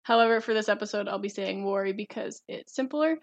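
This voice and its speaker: A young woman explains a topic with eager, studious enthusiasm on a casual podcast. Her voice sits at a middle pitch, and the recording sounds a little dull and lo-fi. She speaks in long, flowing explanations. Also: brisk. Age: young adult. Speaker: podcast co-host.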